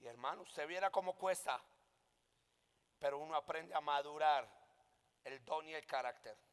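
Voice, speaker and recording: Man, Colombian, preaching, passionate, high-pitched, reverberant hall. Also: normal speed, clear, resonant tone. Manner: impassioned, rising to shouts on key points. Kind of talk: sermon with personal testimony.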